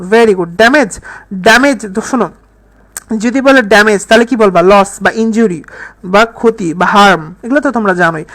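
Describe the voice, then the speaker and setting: A woman's voice: on the high side, a bit bright. Quizzing woman teaching English vocabulary. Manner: repeats words and quizzes listeners with questions; uses playful mnemonics and acts out sample phrases. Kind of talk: recorded classroom lecture.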